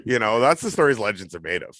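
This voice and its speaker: A man's voice: on the low side, very animated, quick pace, a bit bright, no room sound. A man hosting a casual streaming interview, asking long rambling questions in a friendly way. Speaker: podcast host.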